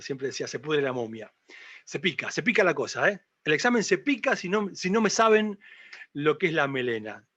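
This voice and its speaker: A man's voice: a little high, a bit bright, no room sound, muffled recording. An Argentine man giving a recorded surgery lecture, full of joking asides, rhetorical questions and repeated key terms.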